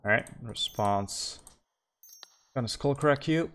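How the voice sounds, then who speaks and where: A man of medium pitch from Quebec, with a Québécois French accent, comments on his own live-streamed card game, thinking through each play. His voice is clear, resonant, and fairly bright, and he speaks slowly. Frequent fillers and easygoing remarks to chat run through his commentary.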